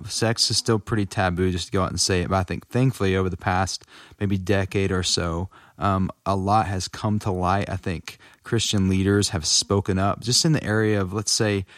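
A man's voice: sits low, steady tone, normal speed, hardly any pauses, dry recording, studio quality. A man with a West Texas accent hosting a casual interview, feeling his way through questions as he rephrases them.

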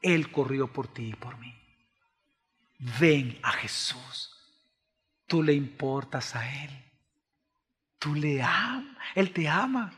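High-voiced preacher in a hall. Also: male voice, animated, unhurried, breathy edge. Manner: swings from hushed pleading to raised, emphatic preaching. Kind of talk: sermon. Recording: long reverb of a large hall.

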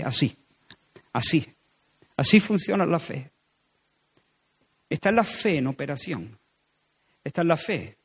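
A man from preaching a sermon, building from quiet storytelling to loud, emphatic repetition. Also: on the high side, husky.

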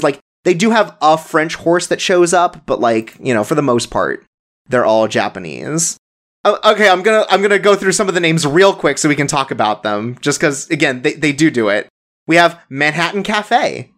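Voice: mid-range voice, expressive, a little fast, a bit bright. A podcast co-host chatting casually about anime, rambling with lots of filler words and frequent laughter. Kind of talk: casual chat.

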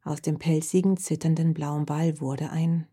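A woman with a breathy, very mellow, lowish voice reads a children's story softly and expressively. Her tone stays warm and dark throughout. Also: level tone, a little slow. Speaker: narrator. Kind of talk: scripted narration.

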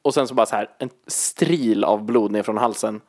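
A man in casual chat, telling stories with lots of acted-out bits and sound effects. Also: fairly low pitch. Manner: animated storyteller, acts out scenes with sound effects.

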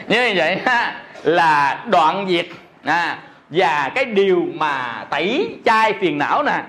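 A man delivers a Buddhist sermon in a high voice, keeping it light with frequent chuckles and quick rhetorical questions. Faint noise sits behind him. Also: very animated, sharp tone, a faint crowd. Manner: jokey, laughs often, peppers talk with rhetorical questions. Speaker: Buddhist monk preaching.

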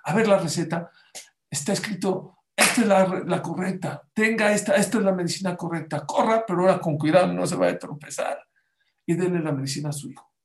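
An older male pharmacist barks out quick, urgent orders, as a man acts him out in a told story. The voice sits well above the storyteller's usual pitch. He sounds alarmed and commanding. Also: echoey room.

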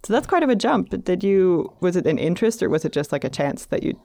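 Gravelly-voiced woman interviewer. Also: lowish voice, big pitch swings, quick pace, mellow. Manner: friendly, laughs often. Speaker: podcast host, interviewer. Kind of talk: interview questions.

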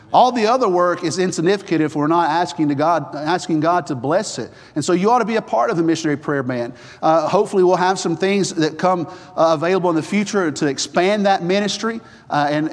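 Male chapel preacher, Appalachian twang of the hillbilly kind, high-pitched, driven and exhorting, recorded in an echoing hall. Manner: energetic, fast talker; earnest, exhorting. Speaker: preacher at a Bible college chapel. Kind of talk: sermon with announcements and scripture reading. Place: large chapel, preaching to students. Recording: echoey hall with long reverb.

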